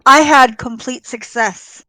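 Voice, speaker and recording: A woman's voice: sits high, slow pace, bright, forceful tone, poor audio. A woman chatting casually as a player in a tabletop game.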